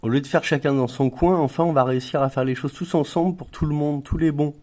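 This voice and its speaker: Man, earnest and insistent, speaking a direct appeal to viewers, voice sits a bit high but sounds dark. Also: steady tone, fast talker. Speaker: video maker making an appeal.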